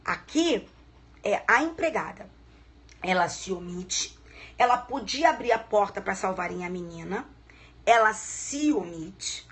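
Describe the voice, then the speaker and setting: Woman, middle-aged, law professor, live-stream lecture, husky, warmly chatty storytelling. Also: fairly high pitch.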